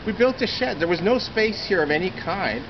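A middle-aged man telling a group about his past on an outdoor walking tour, reflective and halting with many fillers. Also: high voice, expressive. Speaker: former resident speaking on a walking tour. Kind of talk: casual outdoor storytelling to a group. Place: outdoors in a rainy housing courtyard. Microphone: smartphone camera at a short distance. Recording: dull phone-camera audio with outdoor noise.

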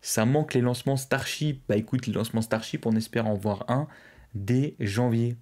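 A man's voice: medium pitch, moderate pace, darkish tone. A young man hosting a live stream, casually chatting and reading out viewers' messages. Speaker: livestream host. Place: indoors, at a streaming desk.

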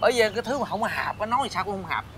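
A man's voice: sits high, sing-song, racing, a bit bright, slight background noise. An actor with a Southern Vietnamese accent playing a touchy, quarrelsome old man in a nursing home in a comedy sketch. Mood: defensive. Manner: quarrelsome, defensive. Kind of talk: stage comedy acting.

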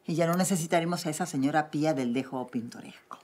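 An actress playing a composed, faintly aloof restaurant owner. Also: female voice, sits low, fast, a little mellow, slight background noise, lightly acted. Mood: poised. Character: cool, poised woman restaurant owner.

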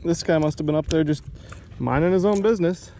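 A man's voice: fairly high pitch, a little fast, dark tone, slight background noise. A man in his thirties giving casual, self-mocking running commentary while fishing from a boat and talking to his dog. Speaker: fishing vlogger. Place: outdoors on a bass boat on a lake. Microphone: action camera on the boat.

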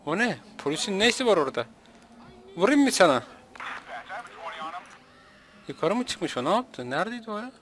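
A man's voice: high voice, fairly bright tone, a little hiss or hum. A man hosting a gaming video, giving casual let's-play commentary in a playful, joking way with frequent laughter.

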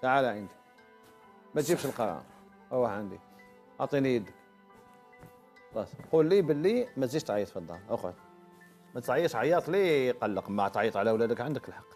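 A man with an Algerian Arabic accent, a sheikh hosting a TV show, calming a distraught guest with soft, reassuring religious counsel. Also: mid-range voice, fast talker, long pauses, faint music behind. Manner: soothing, reassuring, repeats pleas to calm down.

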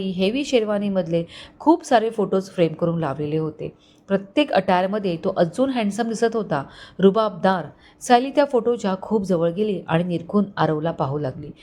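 Woman reading a dramatic story out loud, lots of expression. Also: medium pitch. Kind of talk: scripted story narration.

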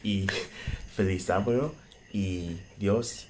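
Young guy w/ preaching in spanish, kinda low voice, really slow and halting, phone in a small room. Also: a little mellow, slight background noise. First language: not Spanish, speaks it as a second language. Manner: halting, non-native phrasing with grammar slips. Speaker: lay preacher. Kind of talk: sermon, reading scripture and explaining it. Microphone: phone at arm's length.

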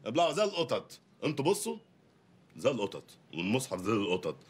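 Allimby, husky bumbling loudmouth husband. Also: male voice, medium pitch, wildly swooping pitch, fast talker. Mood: mocking. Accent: Egyptian Arabic. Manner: ranting, sarcastic, wildly swinging delivery. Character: poor bumbling loudmouth lawyer husband, male, adult. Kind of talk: comedy film acting.

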